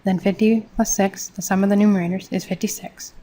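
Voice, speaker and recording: A woman teaching a math lesson, reading textbook steps in a steady, measured way. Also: medium pitch, rough recording. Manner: steady, measured, step-by-step explanation.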